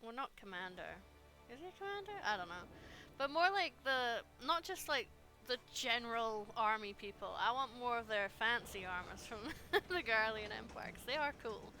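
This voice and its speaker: Excitable girl streaming a game, super lively bright voice, chatting casually. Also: fairly high pitch, normal speed, soft background music. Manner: giggly, playful, excitable. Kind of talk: casual playthrough commentary and reading aloud.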